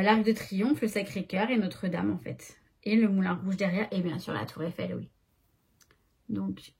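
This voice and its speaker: Woman, very husky breathy voice, casual home vlog, chatty and rambling. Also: medium pitch. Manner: chatty and rambling, many restarts. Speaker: vlogger. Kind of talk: casual vlog chat to viewers. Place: at home by a desk.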